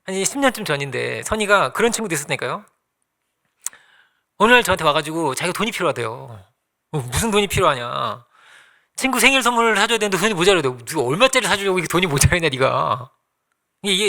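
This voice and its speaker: A middle-aged man delivers a sermon from a church pulpit. His voice sits high and bright, and it swings widely in pitch. He tells his stories by acting out what people said, with laughter mixed in. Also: sing-song, fast, vocal fry. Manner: storytelling with acted-out quotes and frequent laughs. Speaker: pastor. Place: church sanctuary.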